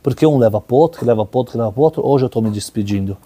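A man telling a story in a sermon, an animated storyteller who voices the characters in the dialogue. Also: mid-range voice, very fast, slightly rough. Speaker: religious teacher.

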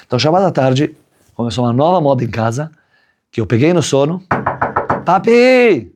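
A man's voice: mid-range voice, fast talker, darkish tone, a little hiss or hum. A man, a rabbi giving a chatty Torah class, often checking in with his listeners. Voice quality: husky. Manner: chatty, checks in with "right?" tags. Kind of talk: conversational Torah lesson with a story.

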